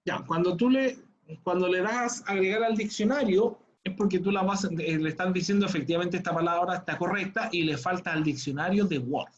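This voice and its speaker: A man's voice: high-pitched, a little fast, lo-fi sound. A man teaching an online class. He explains things patiently step by step and often checks in with "¿ya?".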